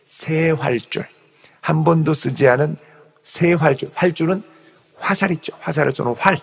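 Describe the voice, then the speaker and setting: A man's voice: on the high side, creaky, slightly rough. A male pastor preaching an early-morning sermon, playfully acting out the story as he explains it. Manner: animated, playfully acts out the story. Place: church sanctuary. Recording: long hall reverb.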